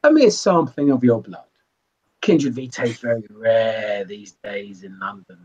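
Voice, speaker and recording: A man voicing a sly male information broker in a put-on, wavering Irish accent, speaking in hushed, conspiratorial tones. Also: on the low side, animated, husky. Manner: hushed, conspiratorial, drawn-out delivery. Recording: dull lo-fi recording.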